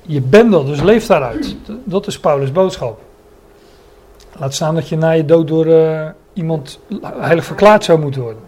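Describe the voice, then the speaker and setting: A man preaching a sermon, explaining a Bible passage in an earnest, teaching manner with pauses and restarts. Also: a little high, darkish tone, slight background noise.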